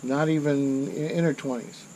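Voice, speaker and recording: Through poor audio with slight background noise, a middle-aged man who hosts a channel rambles through a war story, often correcting himself and growing intense at dramatic points. He speaks at a moderate pace in a steady, medium-pitched, slightly mellow voice.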